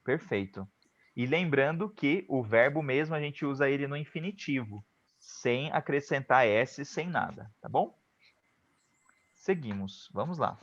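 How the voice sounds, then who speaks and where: A man teaching an English class online, saying English examples slowly and clearly, then translating them and often checking that the students follow. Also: mid-range voice, animated, fairly bright tone, dull audio. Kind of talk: online class, explaining grammar.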